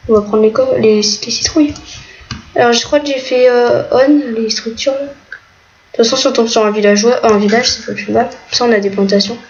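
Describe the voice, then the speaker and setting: A woman's voice: a little high, steady tone, normal speed, a little mellow. A woman giving casual, hesitant commentary while playing a game, with many fillers. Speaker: gaming video creator. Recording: muffled lo-fi mic, faint noise, keyboard clicks.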